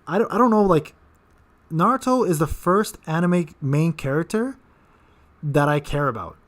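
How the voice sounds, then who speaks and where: A man in his thirties hosts a casual live-stream Q&A for his gaming channel, rambling with repeated words and fillers. His voice is fairly high and expressive, at a normal speed.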